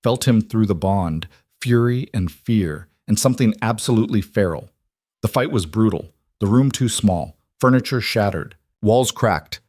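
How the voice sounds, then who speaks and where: A man reading a dramatic fantasy story as scripted narration, in a measured, dramatic way. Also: fairly low pitch, lively intonation, darkish tone, no room sound, studio quality.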